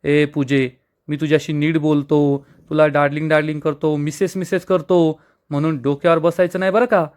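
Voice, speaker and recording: A man's voice: on the high side, little pitch movement, normal speed, darkish tone, clear, resonant tone, lightly acted. A man reading the lines of a scheming, short-tempered young husband, swaggering and threatening. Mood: angry.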